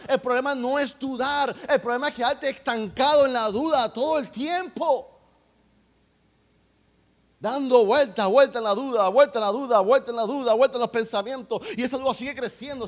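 A man preaching a sermon, swinging between soft, low talk and loud, repetitive outbursts.

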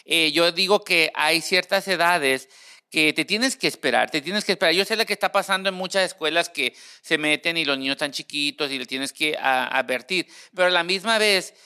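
A man co-hosting a casual chat, with a bright, forward tone and a clear, smooth voice. His pitch sits a little high for a man. He hesitates a lot, filling his pauses with small sounds. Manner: hesitant, with many fillers and backchannels. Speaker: podcast co-host.

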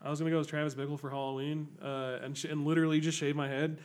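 A man with a slightly high voice who talks very fast on a casual podcast. He piles up fillers and acts out other people's lines as he tells stories. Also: little pitch movement. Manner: rapid storyteller, acts out quotes, filler-heavy. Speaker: podcast co-host. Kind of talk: casual chat.

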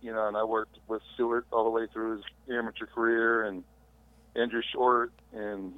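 A middle-aged man calling in remotely as a podcast guest, recalling his career in a relaxed, rambling way with fillers. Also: lowish voice, moderate pace, no room sound. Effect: heard over a remote phone call. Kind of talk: casual interview storytelling. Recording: tinny dry phone-line audio.

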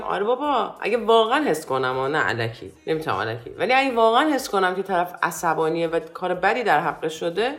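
A woman co-hosting a podcast in casual chat, animated and acting out quoted lines as she talks. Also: lowish voice. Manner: animated, acts out quoted lines, laughs easily. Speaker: podcast co-host.

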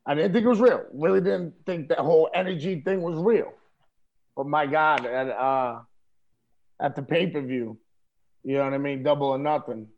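A man's voice: a little high, moderate pace, muffled recording. A man talking casually over a video call in a streetwise, emphatic way, often asking "you know what I mean?". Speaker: interview guest, wrestler.

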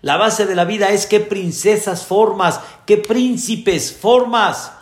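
A man's voice: high-pitched, takes it slowly. A man, a rabbi giving an earnest sermon to his congregation. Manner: earnest, addressing the congregation directly. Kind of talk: sermon with storytelling. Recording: echoey room.

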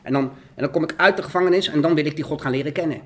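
A man's voice: fairly high pitch, a bit bright. A man from the Netherlands giving an emotional, fervent testimony as an interview guest. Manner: earnest, fervent, fast and repetitive.

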